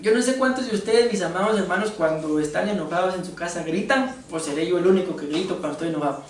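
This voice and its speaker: A man's voice: sits high, fast talker. A man with a Costa Rican accent preaching a conversational sermon, joking and asking his congregation rhetorical questions. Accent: Costa Rican Spanish. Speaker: pastor. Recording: very echoey room, voice from far off.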